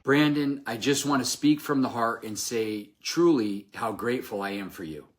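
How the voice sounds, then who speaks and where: A man's voice: mid-range voice, moderate pace. A man who owns a painting business giving an earnest, polished video tribute to his mentor. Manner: earnest, polished, scripted-sounding.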